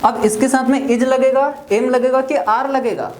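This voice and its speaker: Speaking in an extremely high pitch with fairly even intonation and a slightly slow pace, a man teaches English to his students. He spells out words one letter at a time and keeps checking their understanding with frequent "theek" and "clear hai". The recording has an echoey room and faint background noise.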